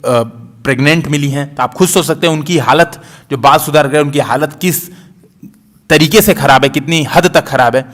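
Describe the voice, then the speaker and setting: Male coaching teacher, slightly high voice, casual step-by-step explainer. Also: normal speed, fairly bright tone. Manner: conversational, repeats "ठीक है", explains step by step. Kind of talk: casual Hindi classroom explanation.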